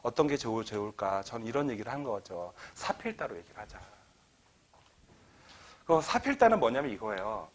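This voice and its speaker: A man's voice: mid-range voice, moderate pace, long pauses. A middle-aged man giving an author talk to an audience, telling stories and acting out quoted dialogue. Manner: animated storytelling, acts out quoted dialogue. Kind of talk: lecture to an audience. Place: lecture hall.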